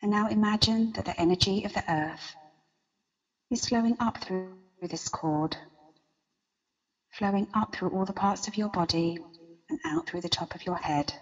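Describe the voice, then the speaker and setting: A woman leading a guided meditation as a guide, with a slow, soothing countdown delivery. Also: mid-range voice, big-room sound, muffled recording. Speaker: meditation guide and interview guest.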